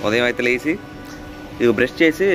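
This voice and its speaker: A man's voice: mid-range voice, brisk, music in the background. A man chatting casually to his viewers in a vlog. He laughs often and keeps coming back to the same stock phrases. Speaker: vlogger. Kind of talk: casual travel vlog chat.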